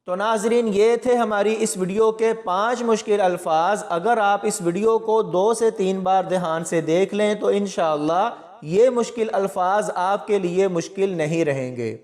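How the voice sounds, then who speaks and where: A man with a notably high voice talks viewers patiently through a recitation lesson, one point at a time. His words hang in a long, ringing reverb, as if spoken in a large hard room. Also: darkish tone. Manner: patient, methodical explaining to viewers. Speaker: Quran recitation teacher. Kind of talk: step-by-step tajweed lesson.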